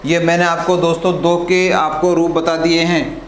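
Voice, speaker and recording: A man teaching a live online grammar lesson, asking questions and answering them himself, calling his students "friends" and clearing his throat often. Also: on the high side, little pitch movement, normal speed. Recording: echoey room with faint noise.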